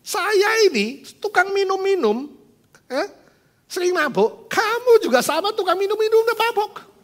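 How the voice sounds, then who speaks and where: A preacher acting a scoffing drunk husband. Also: male voice, on the low side, fairly even intonation, normal speed, vocal fry, breathy edge, voice pushed down, exaggerated voice. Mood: exasperated mocking. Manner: shouting, mocking, exasperated. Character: scornful hard-drinking husband, middle-aged man.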